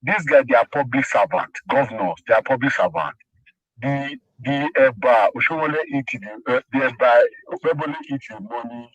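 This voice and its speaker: Heard as muffled audio from a speakerphone, a Nigerian caller delivers heated call-in commentary in a mid-range, fairly bright voice at moderate pace, with no room sound. He presses his points emphatically, often repeating himself and starting sentences over.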